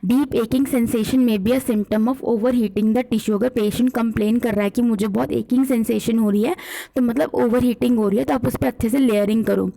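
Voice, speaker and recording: Speaking with an Indian accent, this physiotherapy teacher works through a revision lecture for an exam one point at a time, combining a script with casual asides and regular check-ins with her audience. She has a fairly high, gravelly, mellow voice on a rough recording.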